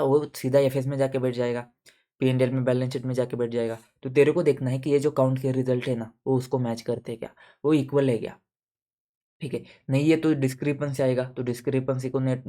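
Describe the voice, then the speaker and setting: A man's voice: medium pitch, warm tone. A man teaching an audit exam lecture in a casual, buddy-like way, repeating points and checking that students follow. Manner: casual, addresses students as buddies with everyday shop examples.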